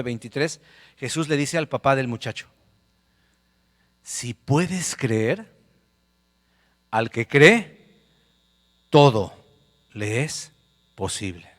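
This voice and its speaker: A male pastor preaching a lively sermon, swinging between loud exhortation and quiet storytelling. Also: mid-range voice, long reverb tail. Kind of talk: lively sermon with acted-out anecdotes. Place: church sanctuary with a PA speaker.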